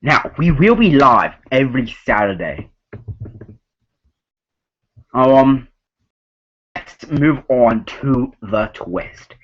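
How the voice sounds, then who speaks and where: A man's voice: medium pitch, sing-song, drawn-out words, pauses often. A man hosting a live online game show in a put-on Australian accent, rambling and speaking straight to the players. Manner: rambling, addressing players directly. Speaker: host of an online reality game. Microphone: voice call. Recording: dull lo-fi call audio.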